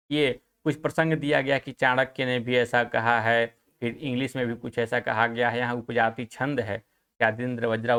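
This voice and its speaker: A male teacher with a Hindi accent works through Sanskrit verses for exam preparation. His pitch sits in the middle range, and he chants each verse slowly before explaining it in brisk, conversational speech. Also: fairly bright tone.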